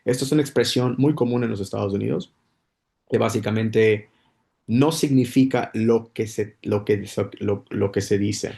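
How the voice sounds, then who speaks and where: A man's voice: fairly low pitch, moderate pace, creaky, warm tone. A man giving a casual spoken English lesson, explaining patiently with many repetitions and restarts. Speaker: English teacher.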